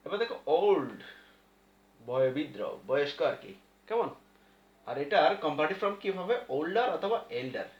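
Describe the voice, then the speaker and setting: A man's voice: fairly high pitch, very animated, moderate pace. A male English teacher with a Bangladeshi Bengali accent, giving a classroom grammar lesson at a board and patiently repeating the rules. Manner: repeats rules patiently, asks and answers his own questions. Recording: echoey room, dull lo-fi sound.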